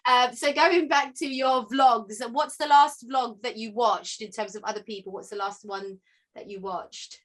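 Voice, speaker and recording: A woman hosting a casual interview from her home sewing room over a video call, chatty and quick to laugh. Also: a little high, fairly even intonation, a bit bright. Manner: chatty, laughs often, asks follow-up questions. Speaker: podcast host.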